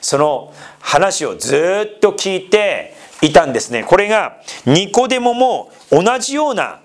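A man preaching a sermon with a lively, swooping delivery. He talks in a conversational way, asking the congregation questions and dropping into casual asides between polite phrases. His voice sits a little higher than most men's. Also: a little slow. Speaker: pastor.

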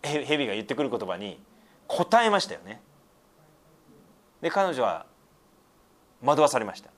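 A man's voice: mid-range voice, sing-song, moderate pace. A middle-aged male pastor giving a sermon, explaining scripture with frequent asides and a conversational, teaching tone.

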